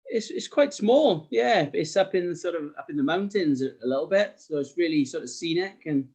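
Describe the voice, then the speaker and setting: A man's voice: on the high side, expressive, a little fast, darkish tone, husky. Modest man with a Welsh Valleys accent. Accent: South Wales Valleys. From South Wales. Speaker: podcast guest, sports graphic designer. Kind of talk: casual interview chat.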